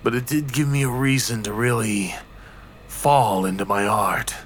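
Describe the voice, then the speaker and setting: A haunted, reclusive artist, played by a man, unburdens himself in a slow, hushed, brooding tone. His pace drags, and each word lands heavily. A faint hiss sits under the recording. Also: medium pitch, fairly even intonation, close to an everyday voice. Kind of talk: horror story reading.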